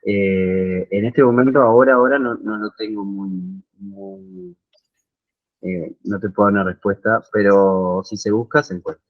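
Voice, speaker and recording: A man's voice: lowish voice, fairly even intonation, unhurried. Hesitant man on a muffled video call. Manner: hesitant, searching for words. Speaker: guest landscape designer. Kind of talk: online Q&A answer. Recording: dull video call audio.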